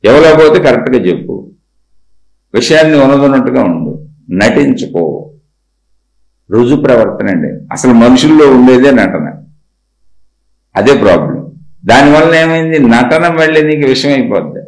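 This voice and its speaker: A man's voice: mid-range voice, very animated, normal speed, long pauses. A man giving a spiritual discourse, exhorting his listeners and asking and answering his own rhetorical questions. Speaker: spiritual teacher. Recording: echoey room.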